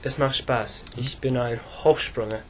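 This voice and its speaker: A teenage boy from England, an English speaker practising German, answering slowly with many fillers and pauses. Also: mid-range voice, steady tone, fairly bright tone, a little hiss or hum. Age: teens. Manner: halting, slow, many fillers. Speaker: student.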